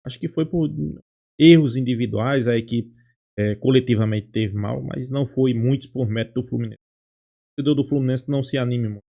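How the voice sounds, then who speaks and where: Gravelly, dark-voiced football commentator. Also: male voice, medium pitch, brisk. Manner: firm, disagreeing. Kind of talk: sports commentary show.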